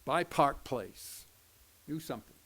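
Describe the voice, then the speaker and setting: A man's voice: medium pitch, expressive, measured pace, pushed and bright, breathy edge. An older man with an Oklahoma Southern accent, teaching a folksy Sunday school lesson as a pastor, joking and acting out quoted voices. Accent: Oklahoma Southern American.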